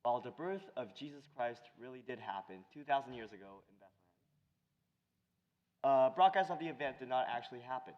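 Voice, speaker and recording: A man playing the solemn lead anchor of a mock breaking news broadcast, formal and deliberate, in a dull recording. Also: mid-range voice, expressive, a little mellow, close to an everyday voice. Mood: formal, serious.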